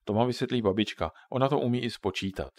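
A man's voice: medium pitch, darkish tone, no echo, natural voice. A man voicing a joking father who patiently explains things to his children in a storybook reading. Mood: jokey explaining.

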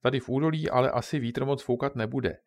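A man's voice: medium pitch, fairly even intonation, lightly acted. A man voicing a curious, sensible young girl camper in a storybook reading.

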